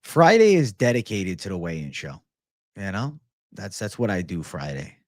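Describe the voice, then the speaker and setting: A young American man hosts a casual MMA livestream from a home studio room with shelves, reading viewer messages into a desk microphone in front of him. His low-pitched voice swings widely in pitch at a normal speed, and he's laid-back and slangy, saying bro a lot. The sound is clean and studio-like, with no room sound.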